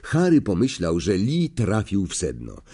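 A man reading an audiobook in a lively, expressive storytelling manner. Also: low-pitched, unhurried, husky. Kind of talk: audiobook narration.

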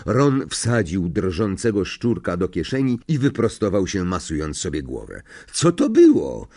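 A man reading a children's fantasy novel aloud as the audiobook narrator, with expressive, varied storytelling. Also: deep voice, normal speed. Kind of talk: scripted narration.

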